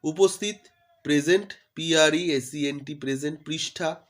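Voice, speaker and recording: A man's voice: fairly high pitch, moderate pace. A man giving a vocabulary lesson, patiently spelling each word out letter by letter. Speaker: teacher.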